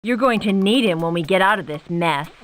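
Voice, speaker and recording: A woman playing a sharp-tongued, sarcastic young actress stuck in the jungle, in a video game. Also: medium pitch, animated, brisk, lightly acted. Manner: sarcastic, dry jabs.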